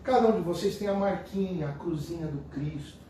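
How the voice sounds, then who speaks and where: A man's voice: high-pitched, fairly quick, mellow, slight background noise. A middle-aged man with a Brazilian Portuguese accent, a bishop giving a homily in a conversational, emphatic style full of rhetorical questions. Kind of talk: sermon. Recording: echoey room heard from a distance.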